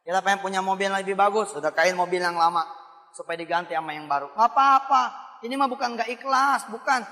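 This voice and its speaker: A preacher delivers an animated sermon, calling out questions to his listeners. His voice sits high and sounds bright and forceful. A long hall reverb trails behind him. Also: quick pace. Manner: animated, playful, calls out to the audience. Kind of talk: lively sermon to a congregation.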